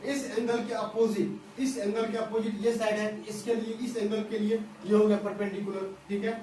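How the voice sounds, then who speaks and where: Male maths teacher, high voice, patient repeated explanations, recorded from afar in a very echoey room. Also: level tone, normal speed, mellow. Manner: explains step by step, repeats phrases, checks understanding often. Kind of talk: whiteboard lesson for school students. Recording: echoey room from a distance, faint hiss.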